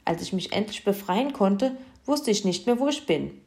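A woman's voice: medium pitch, animated, moderate pace, gravelly, a little mellow, voice pushed up. A woman voicing a frightened spiny dragon in a children's story, grumbling and pleading.

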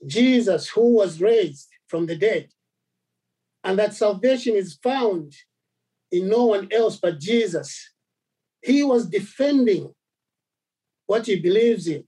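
A man from Zambia preaching a sermon, halting, with many repeated words and fillers. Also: high-pitched, expressive, dark tone, husky, poor audio.

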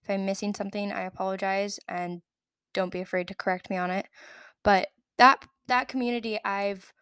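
A woman's voice: mid-range voice, fairly even intonation, fairly quick, a bit bright, clean tone, dry recording, studio quality. A young woman hosting a casual solo podcast, telling a story in a chatty, rambling way and often correcting herself. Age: young adult. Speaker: podcast host.

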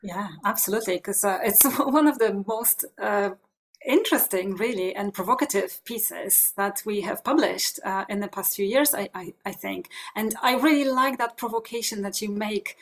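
A woman's voice: medium pitch, normal speed. Appreciative woman podcast host. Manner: warm and appreciative, laughing lightly between phrases. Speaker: podcast host and journal editor. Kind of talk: interview questions.

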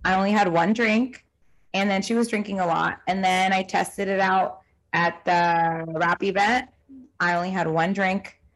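A young woman from Southern California co-hosting a podcast, telling animated stories in casual chat with plenty of swearing and acted-out quotes. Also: medium pitch, unhurried, poor audio. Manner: animated storytelling, profane, lots of quoted dialogue. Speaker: podcast co-host.

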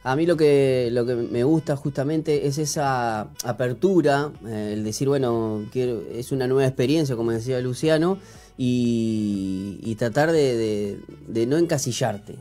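A man's voice: medium pitch, unhurried, mellow, soft background music. A man with a Rioplatense Spanish accent, a co-host chatting casually on a talk show in a playful, teasing way.

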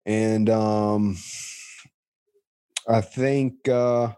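A man's voice: fairly low pitch, steady tone, drawn-out words, warm tone, clean tone. A man co-hosting a podcast in casual chat, reasoning aloud at length in a competitive way. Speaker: podcast co-host. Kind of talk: casual award-picks chat.

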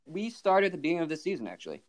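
A young man in his twenties hosts a casual chat podcast. His voice sits a little high, and he speaks in an upbeat, friendly way as he welcomes his guests. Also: sing-song, racing. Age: 20s. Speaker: podcast host.

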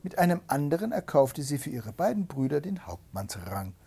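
A man reading a fairy tale aloud with dramatic, expressive narration. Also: on the high side, moderate pace, creaky, husky. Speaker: storyteller.

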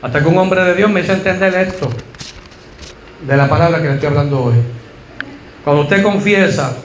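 A man preaching a fervent sermon as pastor, telling stories of congregants and building up to shouts. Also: fairly high pitch, brisk, reverberant, a little hiss or hum, low-quality recording. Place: church.

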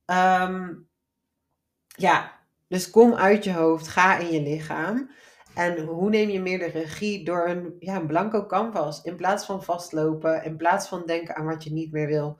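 A woman's voice: lowish voice, fairly even intonation, unhurried. A young adult woman hosting a solo podcast as a life coach, talking in an earnest, encouraging and direct way. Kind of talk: casual solo podcast monologue.

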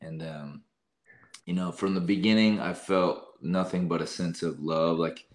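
A young man with a low voice speaks at a measured pace, a singer appearing as a guest in a casual interview. He's a lively storyteller who often quotes himself as he tells his stories.

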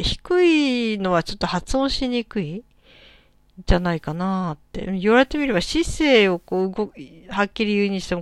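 A middle-aged woman hosting a casual solo talk show, musing gently and thinking aloud with many soft fillers. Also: medium pitch, dry recording. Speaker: solo podcast host.

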